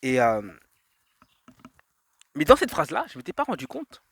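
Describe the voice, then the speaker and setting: A man's voice: fairly high pitch, huge pitch swings, normal speed, gravelly, fairly bright tone, husky, no room sound. Rambling, musing man thinking aloud outdoors. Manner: musing, drifting, many fillers and restarts. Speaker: vlogger. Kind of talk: rambling reflective monologue. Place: outdoors in nature.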